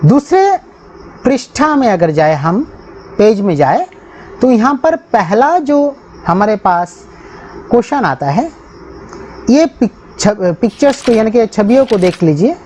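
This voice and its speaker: A woman's voice: a little high, very animated, slow, long pauses, dark tone, a little hiss or hum. A woman teacher explaining a textbook lesson, reading each phrase aloud and then translating it word by word.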